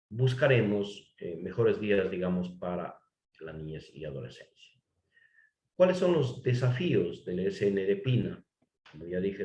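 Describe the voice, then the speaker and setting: A man lectures formally on law in a lowish voice. He talks in a measured way, often restates his phrases and asks rhetorical questions. The room is echoey. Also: a little mellow. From Ecuador. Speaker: course lecturer.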